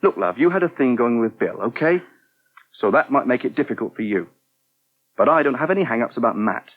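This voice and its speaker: A man acts the same helpful but touchy young English restaurant worker from an old British radio soap, this time sounding irritated and defensive. His rough, pitch-lively voice is close to an everyday one and comes out brisk and plain. The recording is narrow and thin, like old radio tape.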